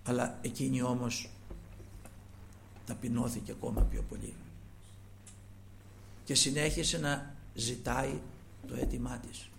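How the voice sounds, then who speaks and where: A man's voice: mid-range voice, steady tone, vocal fry, long pauses, fairly bright tone, slight background noise. A man preaching a sermon, earnest and retelling scripture with quoted pleas, often trailing his phrases off to a near-whisper.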